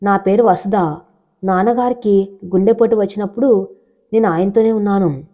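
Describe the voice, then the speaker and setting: A woman voicing a steady young village woman in a storybook, speaking calmly and firmly. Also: medium pitch, moderate pace, lightly acted. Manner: steady, cool, firm. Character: steady village woman in her twenties, calm and firm.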